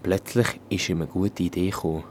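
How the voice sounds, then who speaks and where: Low-voiced Swiss German storyteller. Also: male voice, fairly quick, breathy edge. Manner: calm, even storytelling in dialect. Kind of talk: fairy-tale narration.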